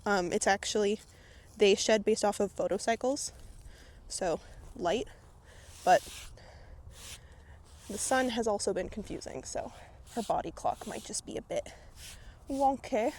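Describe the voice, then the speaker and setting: A woman's voice: medium pitch, measured pace, long pauses, a little mellow, slight background noise. A woman vlogging while she grooms her horse outdoors at a barn. She chats in a rambling way with lots of filler words and sounds out of breath. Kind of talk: casual chatty vlog while grooming a horse.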